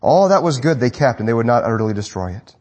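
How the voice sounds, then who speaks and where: A male pastor preaching a sermon in an animated, conversational way. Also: mid-range voice, fast talker.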